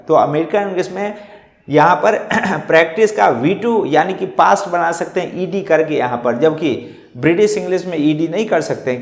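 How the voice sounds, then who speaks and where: A man gives a classroom-style lesson in a room that rings with echo. His voice sits a little high for a man, and he spells words out letter by letter, pausing to ask and answer his own questions. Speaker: English teacher. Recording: echoey room.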